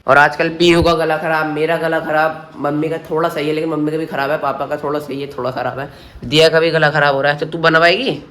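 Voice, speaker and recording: A man's voice: fairly high pitch, level tone, fairly quick, a bit bright. A young man chatting to his viewers in a casual daily vlog filmed at home on a handheld camera. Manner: chatty, addresses viewers directly. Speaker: vlogger. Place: at home and in the yard.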